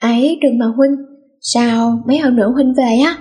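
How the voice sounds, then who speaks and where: A woman's voice: fairly high pitch, dark tone, natural voice. Woman reading as a bossy teenage girl. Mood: petulant. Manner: bossy and quick-tempered. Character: feisty pampered teenage girl.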